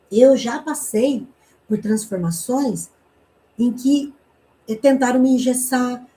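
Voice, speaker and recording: Brazilian woman, from paraná, high voice, mellow tone, chatty class teacher. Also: poor audio. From Brazil, interior of Paraná. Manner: chatty, frequent "né?" tags, quick reenacted dialogue. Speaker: communication teacher. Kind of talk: personal story in an online class.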